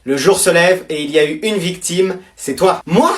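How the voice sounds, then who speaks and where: A man's voice: sits high, moderate pace. A man playing several roles in a comedy sketch, with wry, teasing back-and-forth.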